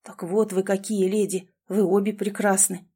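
Woman as stray male dog, storybook, grumbling, gallant, mellow voice. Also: medium pitch, level tone, moderate pace, husky, close to an everyday voice.

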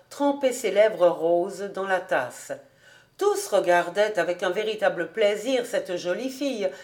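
A woman reading a classic novel aloud as an audiobook, calm and even-paced. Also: medium pitch. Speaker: audiobook reader.

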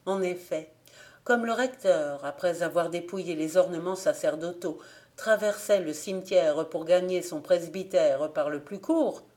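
A woman narrates an old tale as an audiobook reader, measured and deliberate. Her voice sits slightly low and she takes her time with every phrase. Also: a little mellow.

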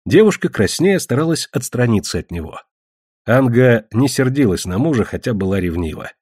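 A man reading a novel aloud as narrator, in steady, expressive storytelling. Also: medium pitch, moderate pace, breathy edge, no room sound, clean studio sound. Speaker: audiobook reader. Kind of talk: scripted literary narration.

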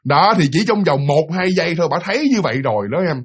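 Lively, fast-talking man. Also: fairly high pitch, husky. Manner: chatty, with many fillers, addressing the listeners directly. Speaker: storyteller. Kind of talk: casual spoken ghost story.

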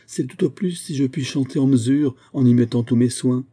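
A man's voice: mid-range voice, normal speed, mellow, voice pushed up, lightly acted. A man voicing a young, proud orphaned singer who defends herself with wounded dignity. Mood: distressed.

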